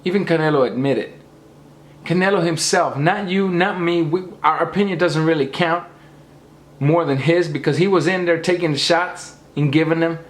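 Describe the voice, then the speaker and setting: In a fairly high-pitched voice at normal speed, a man whose voice is going lectures his viewers, ranting emphatically about boxing. He's a boxing commentator giving an opinionated piece to camera, recorded with a roomy sound.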